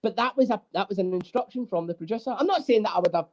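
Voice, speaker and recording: Mellow-voiced drummer telling stories. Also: male voice, sits high, very fast, muffled recording. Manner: animated storyteller, swears freely. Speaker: guest, drummer. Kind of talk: casual podcast interview.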